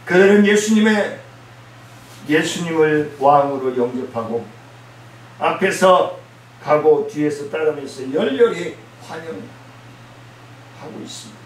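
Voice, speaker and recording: Guy preaching in a big echoey church, high voice, blunt scolding sermon, kinda far from the mic. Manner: blunt, scolding, rising to loud emphatic exclamations. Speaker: pastor. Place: church sanctuary. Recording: very echoey church hall, mic from a distance, faint hiss.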